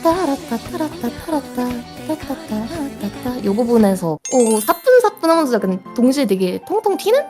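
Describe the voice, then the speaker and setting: A woman's voice: a little high, sing-song, brisk, hardly any pauses. A woman speaking as an interview guest, answering casually and sometimes hesitantly as she thinks aloud. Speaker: interview guest, songwriter and virtual YouTuber. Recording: music playing behind. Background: background music.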